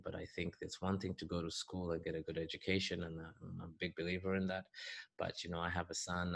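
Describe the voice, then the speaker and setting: Middle-aged Zambian-born business coach, very low and even delivery, earnest mentor tone, dry close mic. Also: male voice, gravelly, slightly rough, no echo. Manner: earnest, advice-giving, thinks aloud with fillers. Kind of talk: recorded advice talk for a youth summit.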